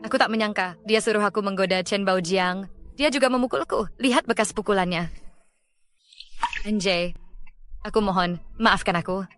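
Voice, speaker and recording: A woman dubbing a remorseful young woman who pleads softly with her former partner. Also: medium pitch, moderate pace, long pauses, close to an everyday voice. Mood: pleading. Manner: soft, pleading. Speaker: dean's girlfriend. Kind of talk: dubbed drama acting.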